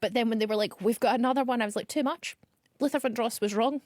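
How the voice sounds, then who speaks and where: Co-host: young woman, chatty and enthusiastic, fairly high voice, dry close sound. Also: steady tone, rapid-fire, darkish tone, no echo. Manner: chatty, enthusiastic fan asides. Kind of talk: casual chat.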